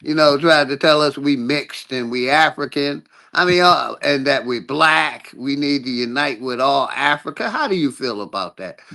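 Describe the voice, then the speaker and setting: A man's voice: mid-range voice, lively intonation, normal speed, creaky, few pauses, bright, forceful tone. A man in his sixties in a casual panel talk, rambling and hesitant with many fillers. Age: 60s.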